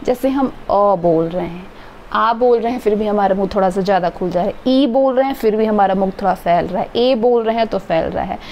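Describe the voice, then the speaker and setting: A woman's voice: mid-range voice, brisk, a little mellow. A woman teaching an exam-prep grammar lesson, explaining step by step and drawing out sample sounds. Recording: dull lo-fi recording with faint noise.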